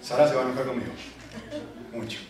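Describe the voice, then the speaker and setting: A man's voice: mid-range voice, fast talker, a little hiss or hum. A man preaching a sermon with emphatic repeated refusals, sounding like a preacher speaking to a congregation. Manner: animated, emphatic repetitions of "no". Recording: echoey hall, distant mic, faint ambience.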